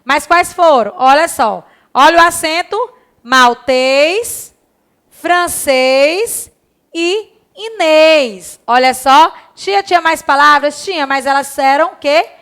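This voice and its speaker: Woman teacher, bright clear voice, answers her own pupil questions. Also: sits high. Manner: slow, stretched-out reading of words and syllables; asks questions in the pupils' voice and answers them herself. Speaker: primary school teacher. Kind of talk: recorded lesson for young children.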